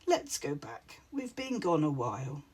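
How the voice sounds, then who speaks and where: A woman's voice: low-pitched, very animated, measured pace, a little mellow, breathy edge, exaggerated voice. A woman voicing a tearful young male owl in a storybook, speaking in a wobbly, shaky voice. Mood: calmer.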